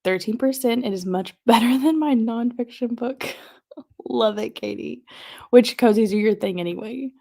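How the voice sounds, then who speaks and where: Woman host, casual stream chat, a bit of vocal fry, reads comments out loud. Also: a little high, normal speed. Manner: chatty, reads viewer comments aloud. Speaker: livestream host.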